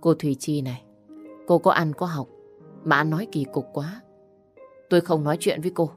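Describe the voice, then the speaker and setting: A woman's voice: low-pitched, normal speed, soft background music, lightly acted. A woman voicing a pregnant young wife who pleads and defends herself in an audio story. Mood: pleading.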